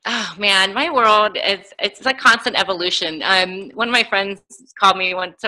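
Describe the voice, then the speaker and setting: Bright, energetic woman guest. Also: mid-range voice, normal speed, poor audio. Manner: energetic, laughs often. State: slight frog in her throat. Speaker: guest, lawyer and coach. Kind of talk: interview conversation.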